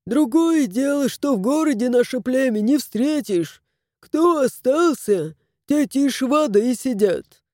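A fussy old house-spirit grandpa from a storybook, folksy and given to exclamations, as a woman reads him. The voice pitches high and swings widely, sliding up and down. It is unhurried and dry. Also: expressive, darkish tone, no room sound. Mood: grumbling. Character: old male house spirit, fretful and sentimental. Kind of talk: audiobook character voice.

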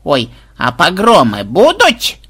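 A man's voice: a little high, huge pitch swings, sharp tone, slightly rough, full character voice. Man putting on a wailing old village granny. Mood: flustered. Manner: drawn-out, wailing.

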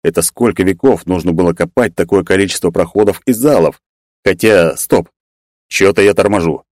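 A man narrating a first-person fiction audiobook, musing aloud and breaking into excited exclamations. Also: sits low, brisk, no echo, clean studio sound.

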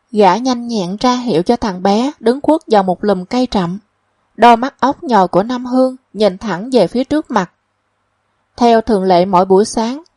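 Woman, audiobook narrator, measured reading, slightly high voice, dry sound. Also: no room sound. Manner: even, measured reading with quoted dialogue. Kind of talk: scripted audiobook narration of a novel.

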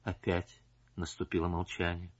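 A man narrating an audiobook in a measured, even storytelling manner. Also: low voice, slightly rough, muffled recording. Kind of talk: scripted narration.

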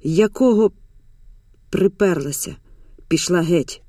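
A woman reading the part of a bitter, hostile middle-aged mother who speaks in curt, sharp phrases. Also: fairly low pitch, slow pace, no room sound, studio quality. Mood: furious.

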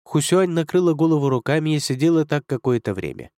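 A man narrating an audiobook in a steady, even storytelling manner. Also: on the high side, fast, no room sound, clean studio sound.

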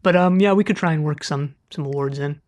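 A man's voice: a little high, a little fast, darkish tone. A young man with a Californian accent, co-hosting a podcast in casual chat, laughing often and hesitating with fillers. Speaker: podcast co-host.

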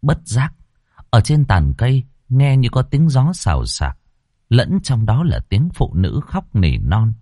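A man narrating a ghost story in a dramatic, expressive reading style. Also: mid-range voice, measured pace, no room sound, studio quality.

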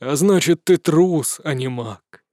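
A man's voice: fairly high pitch, slow pace, warm tone, no room sound, studio quality. A man voicing a childlike, pleading sphere beast that sulks and insults. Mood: petulant.

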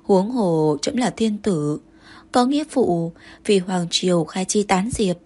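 A woman voicing a possessive, jealous male emperor who turns between commanding and coaxing, with a breathy voice. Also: on the low side, slow pace, warm tone.

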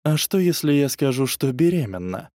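A man's voice: medium pitch, sing-song, moderate pace, warm tone, no room sound, clean studio sound, pitched above the performer's own voice, natural voice. A male audiobook narrator voicing a scheming, spiteful young woman who breathes her words and sneers. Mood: sneering. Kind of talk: audiobook character voice.

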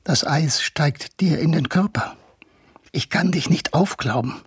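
Cast a grieving, strained man, breathy, very slow, dry close sound. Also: a little high, no echo. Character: grieving man unable to cry. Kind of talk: radio drama acting.

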